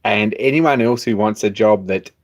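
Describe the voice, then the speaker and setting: Speaking at a moderate pace with a fairly low voice, this man runs a hobby machine shop live stream. His talk is casual and rambling, full of restarts and the occasional chuckle.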